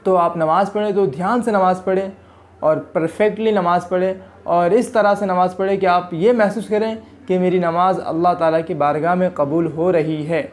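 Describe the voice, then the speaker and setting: A man's voice: high-pitched, fairly even intonation, normal speed. A man hosting an Islamic advice talk for video, earnest and exhorting, often repeating phrases to press his point. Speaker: religious video host.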